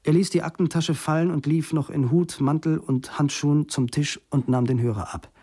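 Husky-voiced male storyteller. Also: fairly high pitch, steady tone, moderate pace, mellow, dry recording, studio quality. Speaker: audiobook reader. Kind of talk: scripted narration.

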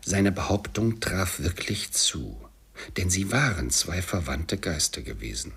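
A man narrating a classic story in a measured, steady audiobook reading. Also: low-pitched, creaky, husky. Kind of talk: scripted narration.

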